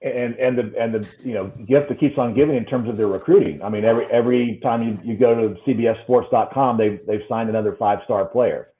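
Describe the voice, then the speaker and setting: A man talks sports over a muffled Bluetooth earpiece that sounds like an echoing tunnel. The line is thin and phone-like, and his pitch sits in the middle. He rambles and restarts his sentences often. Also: steady tone, fast, hardly any pauses. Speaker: sports show panelist. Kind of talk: casual sports chat.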